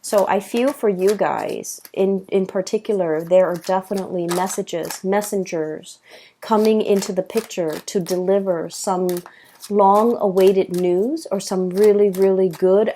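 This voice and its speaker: A woman giving a tarot reading late at night, tired and halting, with many fillers and restarts. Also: medium pitch, warm tone, slight background noise. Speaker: tarot reader.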